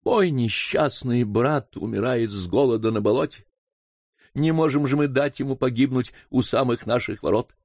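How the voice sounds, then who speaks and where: A man's voice: medium pitch, moderate pace, a little mellow, dry recording, pitched above the performer's own voice, lightly acted. A man doing a pleading frightened housekeeper woman. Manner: pleading, emotional.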